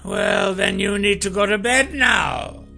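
A high, sly shapeshifting trickster. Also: male voice, big pitch swings, slow, pushed and bright, exaggerated voice. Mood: coaxing. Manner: smooth-talking, coaxing, mischievous.

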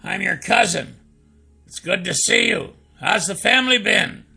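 Sneaky shapeshifter guy, high and husky, sweet-talking, storybook. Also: lively intonation, unhurried, pushed and bright, faint music behind, heavily acted. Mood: coaxing. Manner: smooth-talking, coaxing, mischievous. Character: sly shapeshifting male trickster.

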